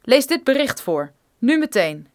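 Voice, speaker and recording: A woman reading an audiobook, voicing a curt armed man who gives loud, clipped orders. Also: high voice, big pitch swings, fairly quick, pitched above the performer's own voice. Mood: commanding.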